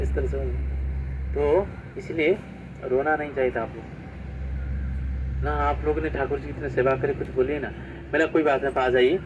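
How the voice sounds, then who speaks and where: Male preacher, anecdotal devotional talk, quotes dialogue, poses rhetorical questions; distant, muffled recording with faint street noise. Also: mid-range voice.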